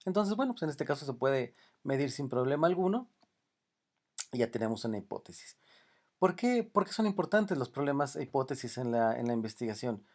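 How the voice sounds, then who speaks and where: Male lecturer, mid-pitched, unscripted delivery, frequent hesitations and tag questions. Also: big pitch swings, brisk, darkish tone. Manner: unscripted, many "eh" fillers and "¿no?" tags. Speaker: university lecturer. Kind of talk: recorded lecture.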